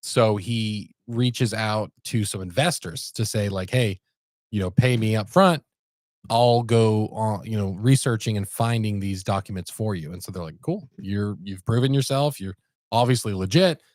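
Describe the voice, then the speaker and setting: Speaking at a moderate pace in a lowish, darkish voice with no echo, a man co-hosting a podcast casually rambles through a story, using many fillers.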